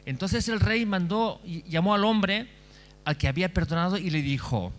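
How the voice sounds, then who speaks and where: A man's voice: sits high, normal speed. A male pastor preaching a sermon in a conversational way, often checking in with listeners and repeating phrases.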